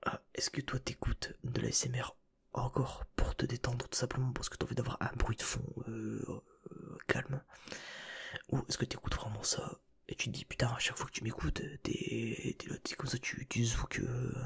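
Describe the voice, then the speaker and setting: A man's voice: mid-range voice, flat delivery, moderate pace, vocal fry, breathy edge. A man whispering right in your ear in a casual, rambling ASMR chat, speaking informally and directly to the listener on a close binaural mic. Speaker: ASMR video creator and host. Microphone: close binaural microphone.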